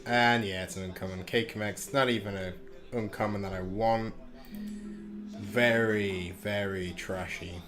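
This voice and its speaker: A young gaming channel host casually commentates on a card game he's playing at home, chatty and self-deprecating, with plenty of ums and restarts. He uses a desk microphone in a room at home. His lowish voice is fairly bright, with a steady tone and slightly slow pace, and soft music plays in the background.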